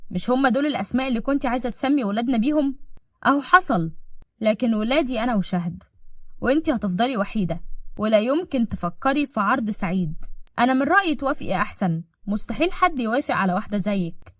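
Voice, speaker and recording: A woman's voice: on the high side, animated, quick pace, no room sound, studio quality. A woman with an Egyptian accent voicing a proud, vengeful rich man who talks in a cold, commanding way.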